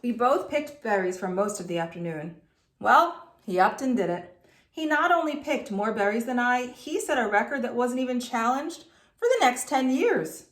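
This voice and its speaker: A woman's voice: a little high, lively intonation, moderate pace, a bit bright, reverberant. A woman teacher reading a storybook aloud to students, telling it expressively and adding chatty asides.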